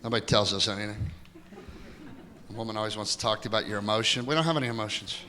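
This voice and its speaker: A middle-aged man doing a stand-up comedy set on a theater stage, loud and jokey, jumping into high mocking voices for the people he quotes. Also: very fast, background noise. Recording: live show in a big hall, loud crowd laughter.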